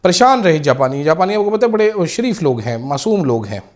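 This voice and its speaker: Man, fairly high voice, sarcastic political vlog host. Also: big pitch swings, fairly quick. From Pakistan. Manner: sarcastic, mocking. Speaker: political commentator. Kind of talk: casual political commentary vlog.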